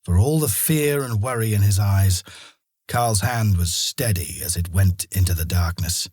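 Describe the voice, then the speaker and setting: A man narrating a fantasy audiobook in a steady storytelling manner. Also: lowish voice, a little slow, husky, no echo, studio quality. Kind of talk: scripted narration.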